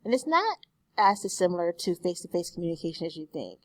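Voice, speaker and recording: A woman's voice: lowish voice, sing-song, quick pace, no echo. A woman speech instructor giving a recorded online lecture in a conversational way, often correcting herself. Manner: conversational, frequent self-corrections and "excuse me".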